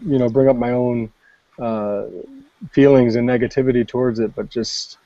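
Male podcast co-host, warm low timbre, hesitant casual talk, muffled recording. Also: steady tone. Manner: hesitant, halting, with restarts. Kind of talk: casual chat. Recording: dull, muffled lo-fi mic.

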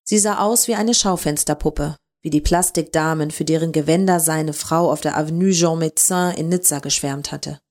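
Woman narrating a story, lower voice. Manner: calm, measured reading. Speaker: story reader.

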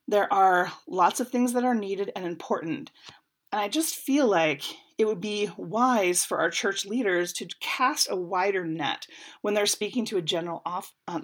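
A woman in her forties, talking candidly and reflectively with some wry humor, slightly congested from a lingering cold. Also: medium pitch. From United States. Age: 40s. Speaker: podcast panelist. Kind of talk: personal reflection.

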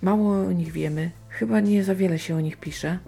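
A woman reviews books in an unscripted, casual way. Her voice is on the low side and mellow, with a lot of gravelly creak. She thinks aloud, hesitating and stretching out her pauses. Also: faint music behind. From Silesia, Poland. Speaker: book reviewer. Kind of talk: casual unscripted book commentary.

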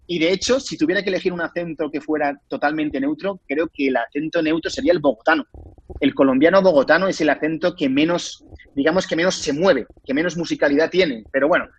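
A man with a Spanish accent from Spain, an actor being interviewed, talking in an animated, rambling way with many restarts. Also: on the high side, slightly rough, no echo, muffled recording. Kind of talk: casual interview conversation.

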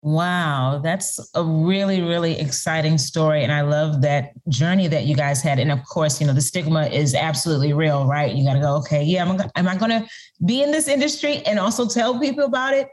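Upbeat woman host, low-pitched. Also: a little fast, darkish tone. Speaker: interview host. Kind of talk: podcast interview questions.

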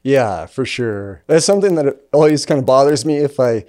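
Brief: male co-host, warm mellow tone, easygoing and affirming. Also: medium pitch, normal speed. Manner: relaxed, conversational, affirming. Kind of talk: casual podcast discussion.

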